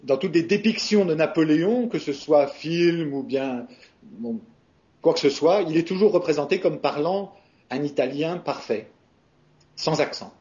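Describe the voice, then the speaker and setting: Answering interview questions as a guest, a French voice actor talks in a slightly high, slightly mellow voice, animated and at a measured pace. He hesitates often, restarting sentences and leaning on fillers in a casual way. It's captured in muffled, lo-fi sound.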